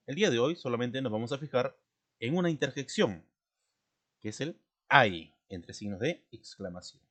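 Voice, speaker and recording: A middle-aged man teaching a spelling lesson, speaking slowly and repetitively, often checking in with his students and clearing his throat. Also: lowish voice. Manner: slow, repetitive, checks in with "¿no?" and "¿de acuerdo?".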